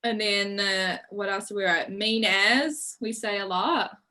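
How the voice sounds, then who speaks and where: A woman's voice: medium pitch, fairly even intonation, moderate pace, bright, forceful tone, poor audio. A young woman with a New Zealand accent, chatting casually as a podcast guest, laughing often and leaning on "like". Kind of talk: casual interview chat.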